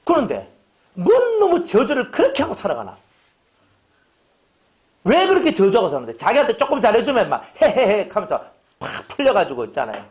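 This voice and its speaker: A man preaching in a high voice that swoops up and down all the time. He jokes with his flock and acts out short exchanges in the middle of his sermon. He sounds middle-aged and talks in a lively, playful way. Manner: animated, joking, acts out little dialogues. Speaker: pastor. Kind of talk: humorous sermon.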